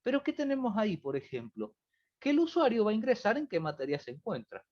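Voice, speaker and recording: Lively man teaching over a call. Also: high-pitched, fast talker. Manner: explanatory, repeats "fíjense" and "¿bien?". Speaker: programming teacher. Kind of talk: online review class. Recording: muffled lo-fi stream audio.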